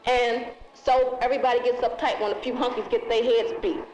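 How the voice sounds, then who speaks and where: A woman's voice: fairly high pitch, steady tone, a little fast, darkish tone, slight background noise. A woman activist giving an impassioned, angry and blunt speech. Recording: roomy lo-fi 1960s film sound.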